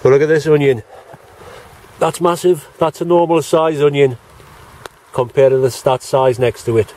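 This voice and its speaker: A man's voice: on the high side, steady tone, normal speed, a little mellow. A middle-aged man, chatting casually to viewers as he films his allotment garden outdoors on a handheld camera. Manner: chatty, plain-spoken, talks to viewers as he walks round. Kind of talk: casual walk-and-talk vlog. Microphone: handheld camera, self-filmed.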